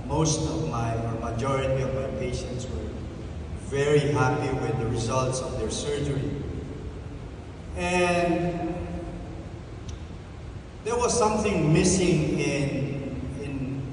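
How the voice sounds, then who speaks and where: An eighty-year-old man speaks slowly at an event, pausing and restarting as he goes. His voice is fairly high for a man. It carries from a distance through a large, echoing hall with steady noise underneath. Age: 80s. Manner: unhurried, with many pauses and restarts. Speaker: plastic surgeon giving a testimonial speech. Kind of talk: rambling event speech. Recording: echoey hall, mic heard from a distance, audible noise.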